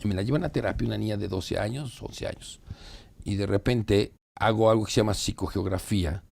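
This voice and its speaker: Low, gravelly-voiced man telling stories. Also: fairly quick, a little mellow. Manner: storytelling, acts out quoted dialogue, asks rhetorical "¿no?". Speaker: psychologist guest. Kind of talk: conversational explanation with anecdotes.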